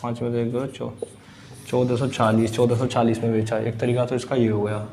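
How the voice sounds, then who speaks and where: A man's voice: mid-range voice, level tone, brisk, dark tone, a little hiss or hum. A man teaching a blackboard maths lesson, asking the class questions and then answering them himself. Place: classroom with a board.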